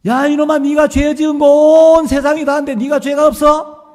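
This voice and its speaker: A man playing a stern old pastor who shouts high and lively, dark voice, long church echo. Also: a little slow, exaggerated voice. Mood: roaring scolding. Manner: shouting rebukes, later gentle. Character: stern older male pastor, thundering scolder.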